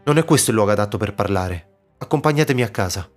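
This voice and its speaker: A man's voice: fairly low pitch, lively intonation, fast talker, faint music behind, lightly acted. A man voicing a cunning elderly male court minister who speaks courteously and persuasively. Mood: placating.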